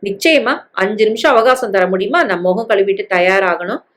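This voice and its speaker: A woman voicing a defiant young woman who stays calm and firm after a killing, in a read-aloud story. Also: medium pitch, normal speed, a little hiss or hum, natural voice. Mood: feigned compliance. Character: woman in her thirties, defiant killer who stays composed.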